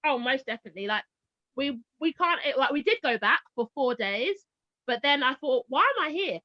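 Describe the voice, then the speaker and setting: Animated high-voiced woman, dry lo-fi sound. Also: moderate pace, dry recording. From Barbados. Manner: animated storyteller, acts out quoted voices. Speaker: guest, former teacher now homeschooling parent. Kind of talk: casual interview chat.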